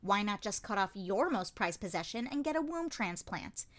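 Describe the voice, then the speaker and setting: This is a blunt young woman apothecary who answers low and flat, plainly unimpressed. Her lively-pitched reader keeps her voice quiet and dry, as a woman performs her in a storybook. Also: moderate pace, natural voice.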